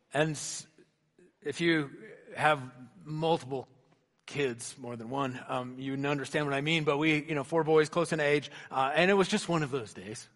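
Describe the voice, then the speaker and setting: A man's voice: mid-range voice, a bit bright. A middle-aged man preaching a sermon as a pastor, telling a family story and acting out the voices in it. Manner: storytelling, acts out voices in quotes. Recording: hall reverb.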